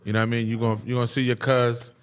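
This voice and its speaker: A man from New Jersey hosting a casual podcast chat. He rambles loosely and thinks aloud, restarting his sentences. His pitch sits in an ordinary middle range. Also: level tone, rapid-fire, clear, resonant tone. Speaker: podcast host.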